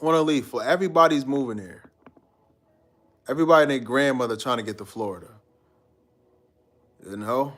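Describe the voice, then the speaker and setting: A Guyanese man hosts a live stream, chatting loosely with viewers in a slangy, rambling way and reading their comments aloud. His voice is medium-pitched and fairly bright, and he talks fairly quickly with frequent pauses.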